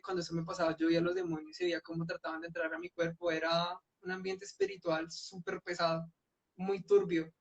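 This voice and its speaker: A man's voice: high voice, creaky. A young man giving an earnest personal testimony at a church youth meeting, telling his story with frequent restarts. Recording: dull lo-fi sound.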